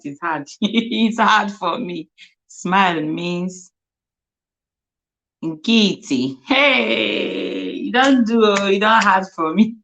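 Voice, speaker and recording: On a casual livestream she hosts, a young woman from Nigeria chats slowly and easily in a lowish, slightly bright voice. Her English has a clear Nigerian accent, since Igbo is her first language, and she laughs often while repeating words again and again to sound them out.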